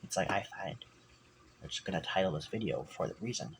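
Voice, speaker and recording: A man with a deep, gravelly voice rambles through a personal vlog. He keeps stopping to correct himself and drifts off topic. The camera mic picks up a faint hiss of room noise behind him. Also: expressive, a little fast, poor audio. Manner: rambling, self-correcting, digressive. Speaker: vlogger.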